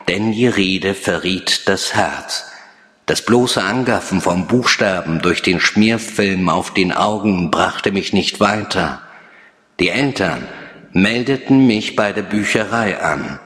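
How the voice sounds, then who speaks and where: Male reader, slightly low voice, deliberate unhurried literary reading in a reverberant hall. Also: a bit bright. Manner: measured, deliberate delivery. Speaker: author reading his prose.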